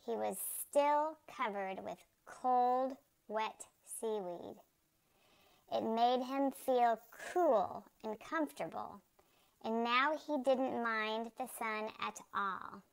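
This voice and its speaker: A woman reading a children's picture book aloud, slowly and carefully, jumping high and loud for the characters' shouts. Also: vocal fry, clean tone.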